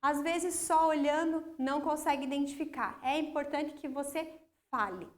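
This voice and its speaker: A woman with a high, bright voice and a Brazilian accent teaches a recorded school lesson. She speaks slowly and patiently, stressing words syllable by syllable so children can follow. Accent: Brazilian Portuguese. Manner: slow, patient, emphatic syllable-by-syllable explanation.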